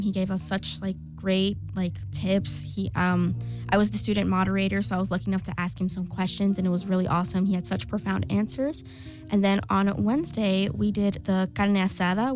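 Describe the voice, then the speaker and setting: This young woman from Long Island, New York, is a student club president answering interview questions in a chatty, enthusiastic way, full of fillers. Her mid-range voice is a little mellow, and the recording sounds lo-fi.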